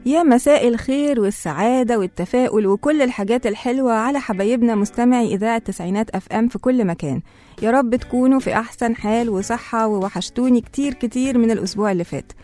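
A woman's voice: a little high, quick pace, dark tone, faint music behind. A woman with an Egyptian accent hosting a radio talk show and speaking to her listeners. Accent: Egyptian Arabic.

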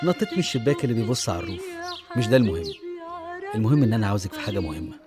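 A man's voice: on the low side, animated, rapid-fire, natural voice. A man with an Egyptian accent playing a brash married man, smug and insistent, with music behind. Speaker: married suitor. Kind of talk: radio drama acting.

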